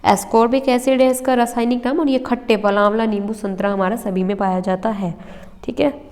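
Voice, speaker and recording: A woman's voice: on the high side, steady tone, fairly quick, darkish tone. A young woman teaching an exam-prep lesson, explaining step by step and checking in with her listeners, with a slight cough now and then. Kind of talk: exam-prep lesson over handwritten notes. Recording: roomy with long reverb.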